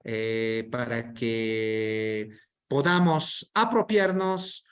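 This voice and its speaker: A man's voice: medium pitch, drawn-out words. A man presenting an online workshop, reading through a term list in an explanatory way and often checking in with tag questions.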